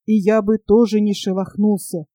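A woman's voice: mid-range voice, level tone, normal speed, dark tone, no room sound, close to an everyday voice. A woman voicing a timid, easily offended boy who whines plaintively. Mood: whiny. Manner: plaintive, whining.

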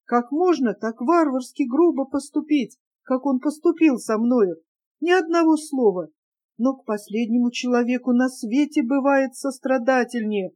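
A woman's voice: high voice, normal speed, darkish tone. A woman reading the lines of a heartbroken young woman, pleading and tearful in her questions. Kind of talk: audiobook character reading.

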